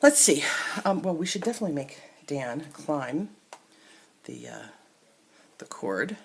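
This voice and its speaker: A middle-aged woman, an entertainment reporter, chatting casually as she shows off an old toy set, musing aloud with fillers and soft asides. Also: deep voice, very animated, unhurried, a little hiss or hum. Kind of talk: casual show-and-tell toy review. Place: indoors at a table with the toys. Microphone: camera mic close by.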